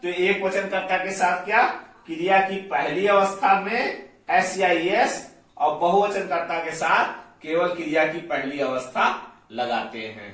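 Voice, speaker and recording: A man teaching English grammar, explaining each rule step by step and slowly repeating his examples. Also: high-pitched, a bit bright, recorded from a distance. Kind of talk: slow classroom explanation. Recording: very echoey room, voice away from the mic.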